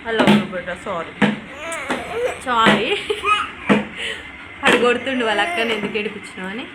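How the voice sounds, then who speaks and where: A woman's voice: mid-range voice, rapid-fire. A young woman, playfully coaxing her small daughter in a casual home vlog, recorded on a phone. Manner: coaxing, playful, sing-song with a small child. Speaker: vlogger mother. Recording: echoey room with background noise.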